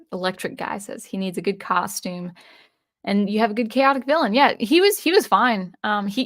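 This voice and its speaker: Hosting a casual livestream, a woman from the US Northwest reads viewer comments aloud and answers them chattily, often restarting her sentences. Her voice is medium-pitched with a fairly bright tone.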